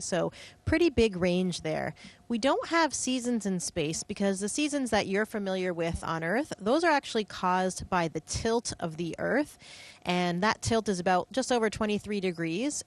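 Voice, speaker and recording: A woman, an astronaut, explaining science to students in a clear, informal way. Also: on the low side. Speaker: astronaut and physiologist. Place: space station.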